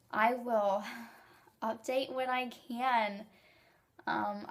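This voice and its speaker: A young woman talking casually to her viewers in a rambling, excited and emotional way, with hiccups. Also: mid-range voice, gravelly. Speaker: vlogger sharing fertility journey. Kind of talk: casual vlog.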